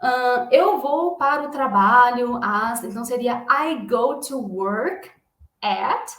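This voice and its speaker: A woman's voice: fairly high pitch, lively intonation, takes it slowly, fairly bright tone. A woman who is an English teacher, giving a live online lesson, explaining patiently step by step and checking in with her class often. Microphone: computer mic in a live stream, screen shared. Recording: echoey room.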